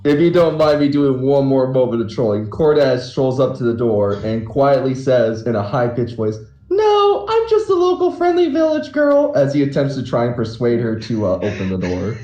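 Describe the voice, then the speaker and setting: A man's voice: mid-range voice, moderate pace, few pauses, warm tone, dull audio. A young man playing in an online tabletop game, playful and apologetic. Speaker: player. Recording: echoey voice chat.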